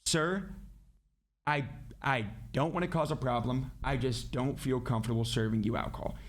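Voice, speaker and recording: Calm but firm female flight attendant, polite and apologetic, as a man puts her on. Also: medium pitch, normal speed, voice pushed down, natural voice.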